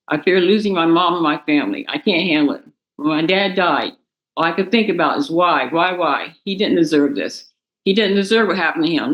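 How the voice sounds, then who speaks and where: A young woman, the victim's daughter, reading a prepared impact statement aloud in a courtroom, emotional and halting, stumbling and restarting words. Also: lowish voice, fairly bright tone, rough recording. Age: young adult.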